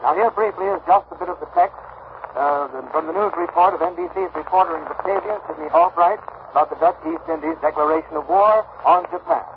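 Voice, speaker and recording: A man reading a news bulletin in a crisp, urgent announcer manner, like an old-time radio news broadcast. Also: sits high, big pitch swings, brisk. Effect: old-time radio news broadcast sound. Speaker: newscaster. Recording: tinny noisy 1940s radio broadcast.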